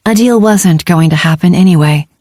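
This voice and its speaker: A woman voicing a steely starship commander who speaks quietly and with control. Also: fairly low pitch, normal speed, dry recording, studio quality, natural voice.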